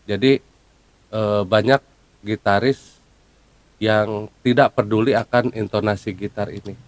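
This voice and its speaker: A man's voice: fairly low pitch, fairly even intonation, unhurried. A man casually explaining a guitar topic to viewers, with frequent fillers and a conversational, hands-on manner. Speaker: guitar tutor.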